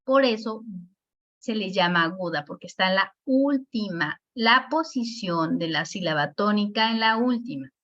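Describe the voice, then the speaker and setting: A woman's voice: mid-range voice, lively intonation, moderate pace, a bit bright. A woman teacher giving an online grammar lesson, patiently breaking words into syllables and checking in with her students. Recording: dull lo-fi sound.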